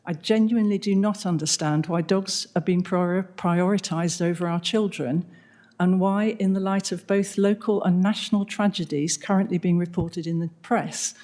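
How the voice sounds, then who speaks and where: A woman's voice: lowish voice, steady tone, normal speed, dark tone. An older woman with a British accent, a ward councillor reading out a prepared question at a formal meeting. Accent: British English.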